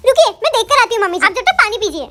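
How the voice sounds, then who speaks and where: A woman's voice: very high voice, sing-song. A woman playing a cheeky, scheming young daughter-in-law in a comedy sketch, with light music underneath. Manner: cheeky, quick and exclaiming.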